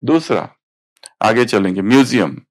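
A man's voice: lowish voice, expressive, measured pace. A man teaching a spiritual study class, explaining points and prompting students to read aloud.

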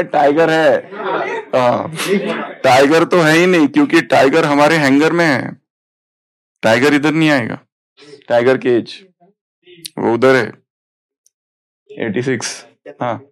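A man's voice: fairly high pitch, steady tone, slow pace, pauses often. A man teaching a spiritual study class, explaining points and prompting students to read aloud.

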